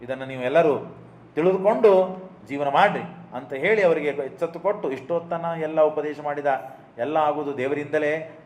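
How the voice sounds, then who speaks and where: A man's voice: on the high side, slight background noise. Man, religious discourse, storytelling, rhetorical questions, roomy echo. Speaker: preacher giving a scripture discourse.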